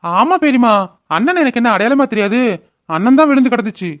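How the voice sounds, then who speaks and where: A woman's voice: a little high, animated, quick pace, slight background noise, lightly acted. A woman voicing an eager young village man. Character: young village man, helpful errand-runner. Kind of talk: cartoon voice acting.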